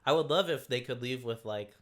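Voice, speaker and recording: A man's voice: medium pitch, fairly quick, a bit bright. A young man co-hosting a casual podcast chat, rambling and hesitant with many fillers. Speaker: podcast co-host.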